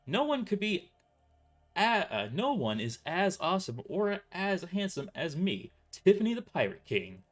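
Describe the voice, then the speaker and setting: A man voicing a tiny, boastful, excitable male pirate king in an amateur audio drama, with music. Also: high voice, unhurried, pitched above the performer's own voice, full character voice.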